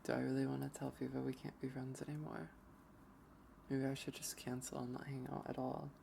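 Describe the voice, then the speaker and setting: Brief: let's play streamer reading a visual novel aloud, gravelly and slow, mid pitch, game music underneath. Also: little pitch movement, mellow, slight background noise. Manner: slow, hesitant first-person reading.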